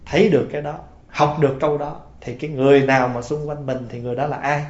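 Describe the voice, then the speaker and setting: A man's voice: a little high, fairly even intonation, fast. A man giving a storytelling Buddhist sermon, folksy and often asking his listeners questions. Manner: folksy, asks the audience questions. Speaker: Buddhist preacher. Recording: roomy, dull lo-fi sound.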